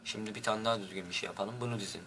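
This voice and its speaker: A man's voice: lowish voice, fairly even intonation, very fast. A young man giving rowdy, crude commentary over his own gameplay and barking orders at his troops. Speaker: gaming youtuber.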